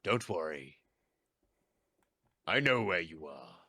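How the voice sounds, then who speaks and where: A man voicing an unearthly, all-seeing villain in a tabletop game, slow, ominous and mocking. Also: low-pitched, sing-song, pushed and bright, husky, dry recording, exaggerated voice. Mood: mocking menace.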